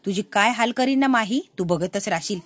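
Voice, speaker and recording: A woman's voice: medium pitch, fairly quick, dry recording, lightly acted. A woman voicing a haughty spiteful rich woman. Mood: taunting. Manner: mocking, taunting.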